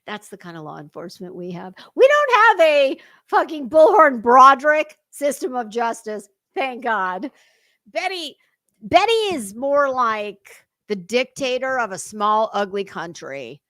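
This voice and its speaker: A woman hosting a livestream reacts casually to a clip as it plays, sarcastic, mocking and foul-mouthed throughout. Her voice is fairly high and sing-song, a little slow and a bit bright, with no room sound.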